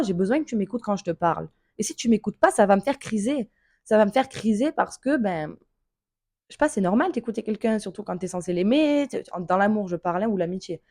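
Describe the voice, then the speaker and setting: A woman's voice: medium pitch, a little mellow. A young woman talking candidly and emotionally in a personal vlog, informal and blunt, with slang and the odd swear word. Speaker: vlogger.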